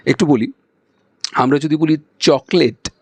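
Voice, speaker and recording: A man with a Bengali accent, teaching English pronunciation in a spoken lesson and demonstrating sounds slowly and patiently. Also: a little high, darkish tone, slightly rough, dry recording.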